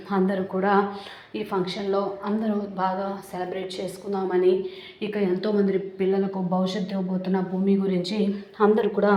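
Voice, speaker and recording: A woman retelling a TV serial episode in a steady storytelling manner, reading the characters' lines in her own voice. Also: medium pitch. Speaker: serial recap narrator. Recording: roomy echo.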